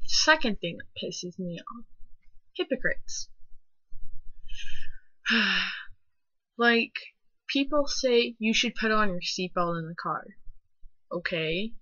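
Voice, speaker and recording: A woman's voice: lowish voice, sharp tone, dry recording. A teenage girl ranting to her laptop, profane and sarcastic. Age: teens. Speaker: vlogger. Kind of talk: ranting vlog. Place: indoors at a laptop. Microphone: laptop mic. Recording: dull lo-fi laptop audio.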